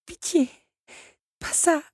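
Lady voicing a scared young woman in a storybook, breathless, yelps high and loud, kinda husky. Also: a little slow, no room sound, clean studio sound. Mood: pleading. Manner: breathless, panicky, high-pitched cries. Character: frightened young woman fleeing stone lions. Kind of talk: storybook reading.

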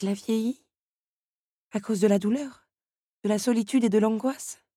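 Woman voicing a high, emotional young daughter. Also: steady tone, moderate pace, dark tone, slightly rough, no room sound, studio quality. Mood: anxious.

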